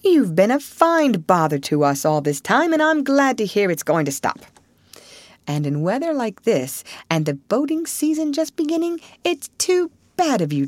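A brisk, good-natured male water rat scolds his friend with bright, lively leaps in pitch, as a woman acts him out. He sounds hearty and practical, recorded close and dry. A storybook animal full of outdoor cheer. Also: no room sound.

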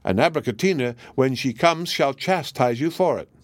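A man's voice: medium pitch, expressive, moderate pace, no room sound, lightly acted. A man voicing a proud young fairy-tale princess in a storybook reading, with a haughty manner.

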